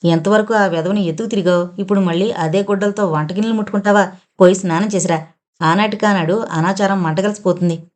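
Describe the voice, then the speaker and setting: A sharp-tongued older mother-in-law scolds her household, as a woman reading the novel puts her on. She stretches her insulting words out in a berating, taunting manner. The voice sits at a middling pitch. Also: fairly even intonation, fast, lightly acted. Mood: shrill berating.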